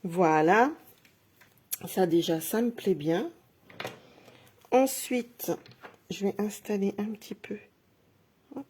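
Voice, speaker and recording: A middle-aged craft demonstrator walks viewers through a project live, narrating each step while addressing them directly in a chatty, encouraging way. Her medium-pitched voice is warm, mellow, slightly husky and breathy, animated yet slow with frequent pauses.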